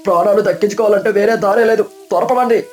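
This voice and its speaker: A woman voicing an old village elder man who shouts urgent, breathless warnings. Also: mid-range voice, fast, natural voice.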